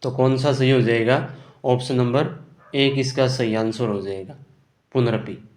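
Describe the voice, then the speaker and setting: A man's voice: medium pitch, steady tone, unhurried, darkish tone. A man teaching Hindi grammar for an exam, working through answer options and often checking "ठीक है ना". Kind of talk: exam prep lesson. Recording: roomy echo.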